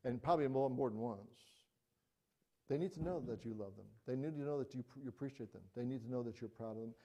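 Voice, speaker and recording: A middle-aged man preaches with a mellow, warm voice of middling pitch. He talks conversationally and animatedly, acting out small everyday examples as he goes. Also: quick pace, highs cut off. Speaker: pastor. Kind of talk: sermon.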